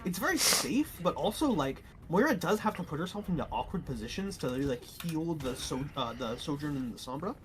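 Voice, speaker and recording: A man in his twenties doing color commentary for a college esports final, excitable and rambling with fillers. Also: on the high side, a little fast, few pauses, slight background noise. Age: 20s.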